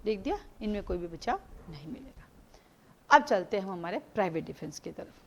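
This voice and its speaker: A woman runs a live law class, speaking a little fast at medium pitch with vocal fry. She explains through animated everyday stories, mixes Hindi with English legal terms, and repeats key points for students to note down.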